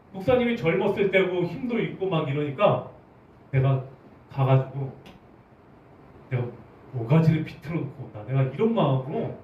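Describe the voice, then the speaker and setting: A man preaches to his congregation, his pitch swinging widely as he keeps putting questions to them. He sits a bit high for a man and is picked up from across a large, echoing church hall. The recording is muffled, with a faint murmur of room sound behind him. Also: a little hiss or hum. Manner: animated, asks the congregation questions. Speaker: pastor. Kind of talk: sermon. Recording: roomy, distant, dull church recording.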